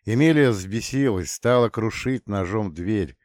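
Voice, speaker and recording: A man narrating an audiobook in a steady, measured way. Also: lowish voice, dry recording, clean studio sound.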